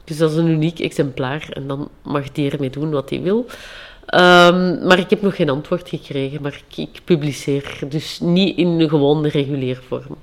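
An author reading a fairy tale aloud in a calm, measured voice, later talking in a lively, hesitant way. The voice sits at a middle pitch and is full of small pauses. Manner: lively, hesitant with fillers in talk. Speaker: author and storyteller. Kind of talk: fairy tale reading, then interview talk.

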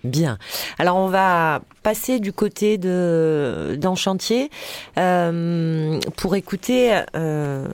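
A radio host talking live in a studio, halting often with fillers and restarts. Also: medium pitch, expressive, smooth, no room sound. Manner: hesitant, many fillers and restarts.

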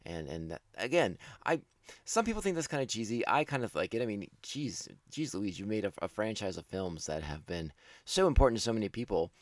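A man with a low, deep voice talks through a casual podcast commentary, circling back and correcting himself as he goes. His fan enthusiasm comes through, and he laughs at his own slips. The sound is dry and close, with no room around it. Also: very animated, fairly quick, dry recording. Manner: rambling, with frequent restarts and self-corrections.

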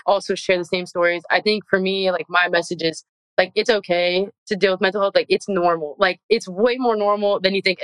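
A young woman, a college softball player, talking earnestly in a casual interview and leaning on "like" a lot. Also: on the low side, clear, resonant tone, no echo, rough recording. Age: young adult. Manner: earnest, heavy use of "like", gets emotional.

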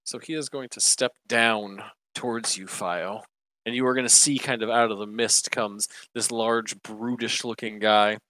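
A man's voice: on the low side, fairly even intonation, unhurried, pushed and bright, no echo. A man running a tabletop game as game master, narrating loosely with many fillers.

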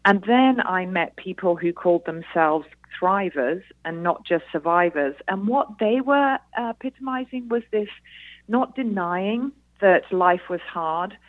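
Over a muffled, band-limited phone line, a middle-aged British woman, an author appearing as an interview guest, answers radio interview questions. She explains things earnestly at a measured pace, her medium-pitched voice expressive and free of echo.

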